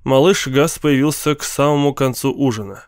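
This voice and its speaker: A male narrator reads a science fiction story in an even, measured voice. His pitch sits in the middle for a man. The sound is dry and close with no room echo. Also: smooth. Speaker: audiobook narrator. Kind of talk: scripted narration.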